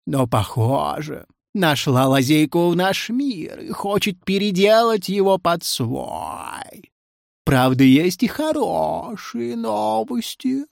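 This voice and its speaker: A storyteller voicing a male cat who runs a fairy-tale school, melancholy and theatrical in a measured, dry delivery. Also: medium pitch, lively intonation, creaky, no room sound, pitched above the performer's own voice. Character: pompous male cat deputy head in pince-nez.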